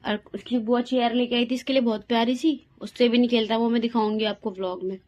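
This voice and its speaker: A woman's voice: a little high, steady tone, fast, darkish tone, muffled recording. A young woman vlogging at home about her day, chatty and talking to her toddler in a sing-song voice. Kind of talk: casual home vlog. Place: home rooms, indoors.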